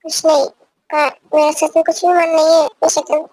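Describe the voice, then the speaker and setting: A woman's voice: high-pitched, level tone, a little fast, darkish tone, dry recording, natural voice, rough recording. A young woman voicing an innocent, timid young man who pleads in an amateur fan dub. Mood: plaintive. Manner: pleading, plaintive.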